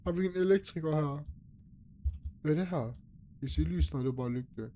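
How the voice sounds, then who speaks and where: Young man, gaming commentary, nervous, higher voice, faint background hiss. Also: dark tone. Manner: jittery, nervous, talks to himself and viewers. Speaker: gaming youtuber. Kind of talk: scared horror gameplay commentary.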